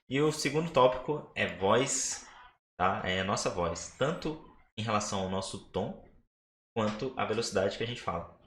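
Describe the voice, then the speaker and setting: A man with a Brazilian Portuguese accent co-hosting a nutrition podcast, talking fast and then slowing down to stress a point. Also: on the low side, expressive, a bit bright, reverberant, a little hiss or hum. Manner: quick talker who slows down to stress points. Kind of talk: casual podcast discussion.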